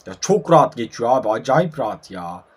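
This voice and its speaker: A man's voice: medium pitch, very animated, fairly quick, slightly rough. A young man giving live commentary over his own online football match, frustrated and swearing as he plays. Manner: frustrated, swearing, talking to himself and viewers.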